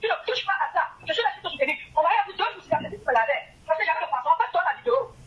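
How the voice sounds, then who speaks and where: High, fast-talking woman. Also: animated, recorded from a distance. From Cameroon. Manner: retells events by acting out quoted dialogue, with many repetitions. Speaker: guest telling her story. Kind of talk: casual spoken storytelling. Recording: dull lo-fi sound from off the mic.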